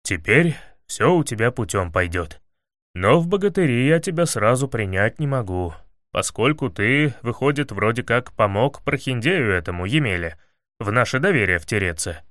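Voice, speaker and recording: A man voicing a gruff older male commander who speaks in a plain, folksy, fatherly way. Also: medium pitch, lively intonation, moderate pace, a bit bright, dry recording, studio quality, pitched below the performer's own voice, lightly acted.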